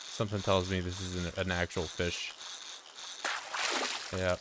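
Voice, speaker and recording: A man's voice: deep voice, flat delivery, unhurried, heavy background noise. A man giving casual live-stream commentary while he plays, joking dryly and answering his chat aloud. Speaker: game streamer.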